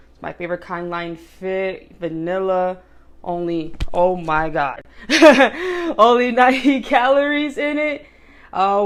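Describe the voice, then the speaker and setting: A young woman chatting casually through a food vlog, talkative and animated, laughing often. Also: medium pitch. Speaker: vlogger. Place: in her car, then at home.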